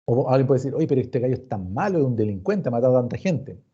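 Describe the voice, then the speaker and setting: A man with a Chilean accent, a law professor teaching online, lectures informally at a quick pace with a very animated delivery, emphatically repeating words and playing out questions and answers in a didactic style. His medium-pitched voice is dark with a breathy edge. The recorded online class sounds dull and muffled.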